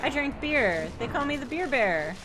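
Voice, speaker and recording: With a high voice and big pitch swings at normal speed, this woman streams a video game in a cute, bubbly anime-streamer manner. Her chat is casual and playful, frequently turning into sing-song repetitions, and game music plays in the background.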